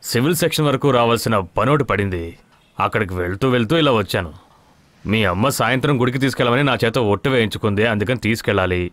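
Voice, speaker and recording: An actor playing a gentle, fatherly older man visiting his married daughter in a dubbed film. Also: fairly low pitch, fast talker, dry recording, close to an everyday voice.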